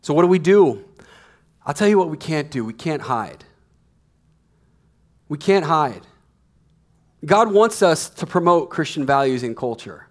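A man's voice: a little high, animated, unhurried, long pauses. A man in his thirties preaching a sermon on a church stage, emphatic and repeating his key lines, on a headset mic. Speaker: pastor.

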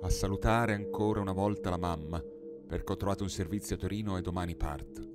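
A poor young village girl, earnest and frightened, speaking with quiet gravity, as a man reads her lines. His own low voice barely lifts for her. Singing bowl music hums clearly behind the audiobook reading. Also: fairly even intonation, fast, close to an everyday voice. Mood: serious. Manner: grave, softly serious. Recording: studio narration over singing bowl music.

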